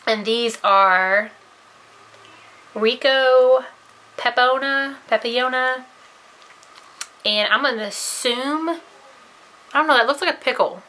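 Woman vlogger, chatty and giggly, bright forceful voice, casual talk to camera. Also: fairly high pitch, expressive, normal speed, poor audio. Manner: chatty, giggly, self-deprecating. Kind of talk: casual vlog, tasting candy on camera.

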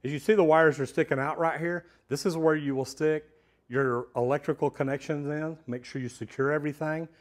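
Brisk and fairly high-pitched with fairly even intonation, a middle-aged plumber gives a practical, hands-on demonstration inside a metal-walled storage unit. He talks through a lapel mic in a plain-spoken way and refers to viewers as "guys."

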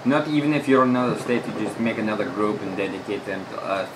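A young man with a fairly low voice banters crudely, swearing freely, with a hookah mouthpiece pressed to his lips as he talks. A steady air conditioner hum fills the room behind him. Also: quick pace. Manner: crude, profane joking. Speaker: vlog co-host. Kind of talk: casual banter.

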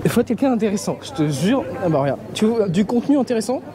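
A man's voice: sits high, sing-song, fast. A young Parisian man with a Parisian accent, chatting casually to a handheld camera while walking a busy street, slangy and rambling. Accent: Parisian French. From France. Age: young adult. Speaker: vlogger. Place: busy traditional shopping street outdoors. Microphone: handheld camera at arm's length. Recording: street noise behind.

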